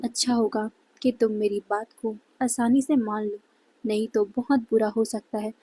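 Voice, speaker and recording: Woman voicing a cold husky alpha man. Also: on the high side, steady tone, moderate pace, mellow, rough recording. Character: cold dominating male alpha wolf leader.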